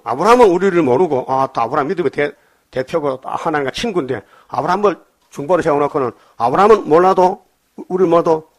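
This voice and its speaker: Brief: older male pastor, slightly high voice, scolding sermon full of rhetorical questions.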